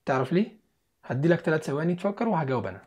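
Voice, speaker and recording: An English teacher with an Egyptian Arabic accent leads a beginners' lesson, talking in an animated, up-and-down voice. The explanations come in Egyptian Arabic, and the English words and sentences are said slowly and clearly. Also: medium pitch.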